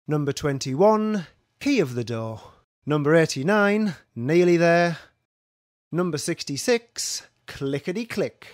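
Slow sing-song bingo caller, a man. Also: a little high, animated, dry recording, studio quality. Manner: sing-song calls, each number followed by its rhyme. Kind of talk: bingo number calling.

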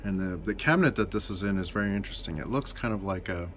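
This demonstrator of vintage telephone equipment is animated and quick, with a low-pitched, slightly bright voice. He explains in a matter-of-fact, unscripted, informal way indoors next to an equipment cabinet, and the camera-mic recording carries a little hiss or hum.

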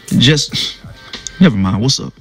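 A man's voice: medium pitch, lively intonation, slow pace, a bit bright, faint music behind. A man voicing a flustered, joking young male college bear in a cartoon, often stammering.

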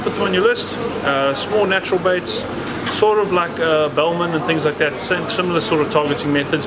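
A man's voice: on the high side, heavy background noise. A man, explaining a fish species to camera in a chatty way, with many fillers and repeated words. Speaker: marine biologist presenting fish species. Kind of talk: casual educational talk to camera. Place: indoors in front of a large aquarium.

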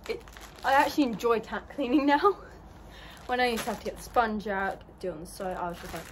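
A woman's voice: on the high side, a little fast, background noise. Chatty young woman vlogging. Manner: chatty, upbeat, rambling. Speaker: equestrian vlogger. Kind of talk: casual vlog chat. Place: stable yard, outdoors and in a horse lorry. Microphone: phone held at arm's length.

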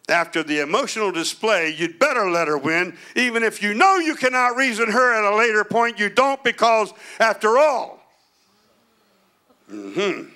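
A man's voice: high voice, sharp tone. A male pastor preaching a humorous, storytelling sermon.

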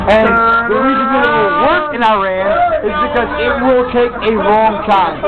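A man with a very high voice rants in a profane, emphatic way, hammering the same points again and again. He is recorded outdoors at night on a tinny, phone-like handheld camera. A loud crowd roars all around him. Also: heavy background noise. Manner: profane, emphatic, repeats himself. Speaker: street interviewee. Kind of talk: heated street rant.

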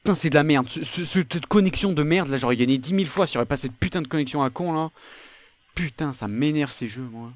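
A man's voice: a little high, fast, dry recording. A young man giving live gameplay commentary as an exasperated, swearing, raging gamer. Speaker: gamer recording gameplay for viewers. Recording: noisy, game gunfire behind the voice. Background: shooter game gunfire and clicks.

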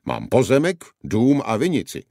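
A man's voice: medium pitch, huge pitch swings, warm tone, dry recording, studio quality, pitched above the performer's own voice. A man voicing a fearful peasant gatekeeper in an audiobook, with a cracked voice and a wailing, begging manner. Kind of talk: audiobook character voice.

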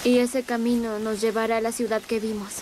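A woman's voice: fairly high pitch, level tone, fairly quick, noisy background, natural voice. An actress playing a frightened but determined girl in a found-footage horror film, urging in short breathless phrases. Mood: anxious, encouraging.

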